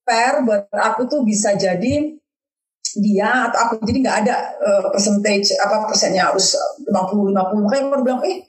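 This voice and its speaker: A woman's voice: mid-range voice, brisk. A woman from Indonesia talking as a podcast guest in casual chat, full of fillers and restarts. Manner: chatty, lots of fillers and restarts. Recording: roomy echo.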